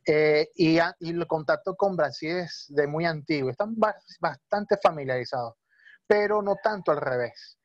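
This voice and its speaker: A man's voice: on the high side, normal speed, dry recording, muffled recording. Man teaching over a video call. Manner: patient, many fillers and checking questions. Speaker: language teacher. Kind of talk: explaining in a video-call talk.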